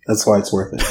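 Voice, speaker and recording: A man's voice: a little high, a bit bright. A man co-hosting a casual podcast chat, joking and laughing often. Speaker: podcast co-host.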